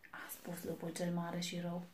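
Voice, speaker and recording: A woman reading a picture book aloud to children, expressive and speaking directly to her young listeners. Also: fairly low pitch. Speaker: children's story reader. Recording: echoey room, faint noise.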